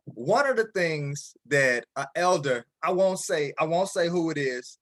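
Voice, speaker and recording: A man's voice: on the high side, lively intonation, unhurried, a bit bright, no room sound. A man making playful, joking interjections.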